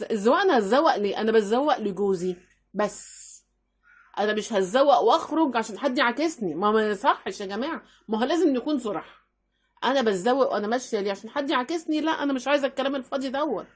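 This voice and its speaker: A woman's voice: on the high side, darkish tone, slightly rough. A woman with an Egyptian Arabic accent hosting her own channel, giving casual advice straight to her viewers in a chatty, repetitive way that keeps checking the listener is with her. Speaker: YouTube channel host.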